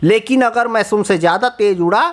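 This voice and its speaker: A man voicing a whiny little male mosquito in a children's cartoon story, with a high shrill wailing voice. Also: fairly quick, close to an everyday voice. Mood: determined.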